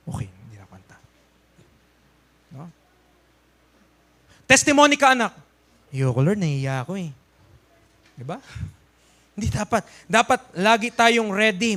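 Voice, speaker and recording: Filipino pastor guy preaching in church, high bright voice, loud then quiet, lots of amens. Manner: emphatic preaching, shifts from loud exclamations to soft asides, calls for amens. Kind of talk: sermon.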